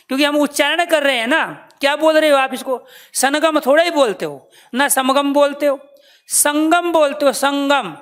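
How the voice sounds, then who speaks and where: Brief: high-pitched woman, language teacher running a live online class, quizzing and repeating terms, addresses students as dear children. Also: a bit bright. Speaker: Hindi teacher.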